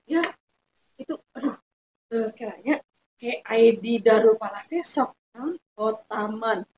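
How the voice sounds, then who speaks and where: A woman's voice: on the high side, slow pace, a little mellow. A middle-aged woman with a Sundanese accent, telling her personal story animatedly and acting out the voices of the people in it. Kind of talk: emotional personal testimony.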